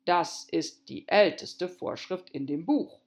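A pompous, fretful storybook king, played by a woman, who lays down his rulings slowly and loudly. His speech is weighty and self-important. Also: fairly low pitch.

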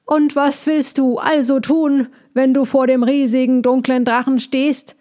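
A small, fussy hedgehog from a storybook, his voice pitched well above a normal speaking voice and pushed out loudly as he frets and scolds, with a woman putting on the voice as she reads. He sounds agitated and worried. The delivery is slow and carefully spaced, as in a story read aloud. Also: little pitch movement. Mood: scolding. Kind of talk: storybook reading.

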